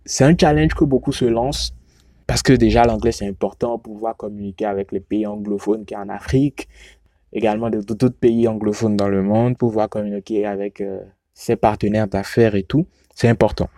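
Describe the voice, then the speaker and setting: His voice sits on the low side, dark in tone and fairly even in intonation, moving at a fairly quick pace over a dry recording. He's a podcast reviewer giving a casual recommendation monologue, restarting and repeating words often. His first language belongs to the Yoruba family.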